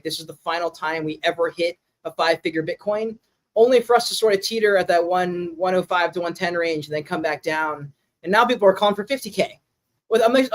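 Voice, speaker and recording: A man hosting a podcast, introducing his guest in a chatty, enthusiastic way. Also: on the high side. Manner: chatty, enthusiastic slangy talk. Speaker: podcast host.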